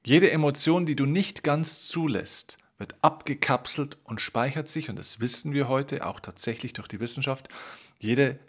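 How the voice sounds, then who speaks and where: A man with a medium-pitched voice hosts a self-help podcast, speaking at a moderate pace. Like a coach, he talks earnestly and directly to the listener in a motivational monologue.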